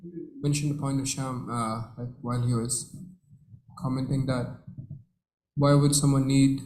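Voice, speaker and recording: A man's voice: mid-range voice, little pitch movement, unhurried, darkish tone, echoey room, low-quality recording. A man in the audience who reads a scripture verse aloud and then asks a question, with many fillers. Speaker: audience member.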